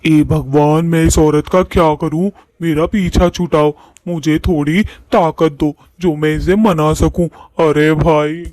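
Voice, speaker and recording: A henpecked cartoon ghost husband, as a man voices him, pleading in an unusually high voice. He sounds exasperated with his wife. The recording is dry and close. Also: steady tone, slow, few pauses, darkish tone, no echo. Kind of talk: cartoon voice acting.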